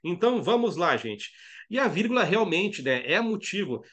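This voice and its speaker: Brazilian male teacher, fairly high voice, jokey live-class host, constant "tá?" and "né?" tags. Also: sing-song, a bit bright. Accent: Brazilian Portuguese. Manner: jokey, reads viewer chat aloud, frequent "tá?" and "né?"; slows right down to spell out words. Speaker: online Portuguese grammar teacher. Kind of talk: live online lesson, chatty and playful.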